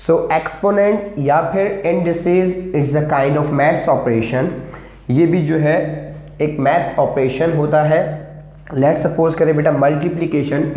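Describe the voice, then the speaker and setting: Slow, echoey maths teacher. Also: male voice, on the high side, mellow. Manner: slow, repetitive explaining, calls students beta. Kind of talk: classroom lesson mixing English and Hindi. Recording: echoey room.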